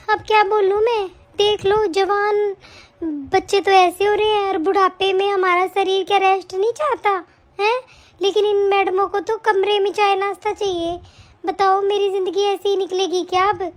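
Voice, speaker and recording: Put-upon old mother-in-law, high and plaintive, grumbling under her breath, a woman playing her. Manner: pleading, complaining to herself. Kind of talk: amateur family drama acting.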